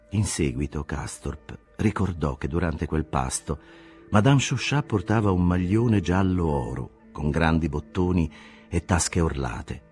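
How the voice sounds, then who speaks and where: A man reading a novel aloud in scripted, expressive narration. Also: deep voice. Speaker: audiobook reader.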